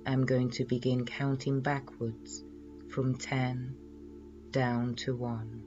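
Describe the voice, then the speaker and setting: A man leading a guided relaxation in a slow, soothing hypnotist's manner, measured and full of pauses. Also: medium pitch, flat delivery, dull audio, music in the background.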